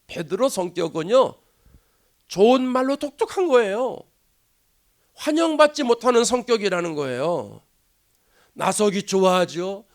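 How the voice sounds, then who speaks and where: A male pastor delivering a sermon at a church, acting out quoted speech and dropping to near whispers for emphasis. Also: high-pitched. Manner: animated preaching, acts out quoted voices, drops to a hush. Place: church sanctuary.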